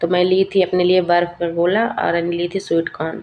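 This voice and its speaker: A chatty young woman narrates her family vlog in a low, fairly level voice. She tells her story in a relaxed, conversational flow. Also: fairly quick, dull audio, slight background noise. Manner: chatty, storytelling, laughs often. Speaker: vlogger and mother.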